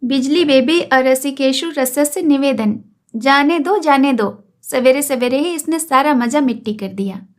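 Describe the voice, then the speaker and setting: Brief: a woman doing a jeering, rowdy drunk for an audio story, high-voiced. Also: unhurried.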